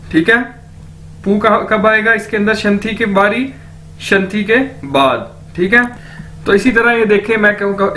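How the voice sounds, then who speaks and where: Guy teaching a language class, takes it slow, repeats words, kinda high voice. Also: bright, forceful tone, slight background noise. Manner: repeats each word slowly and explains patiently. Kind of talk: online language lecture.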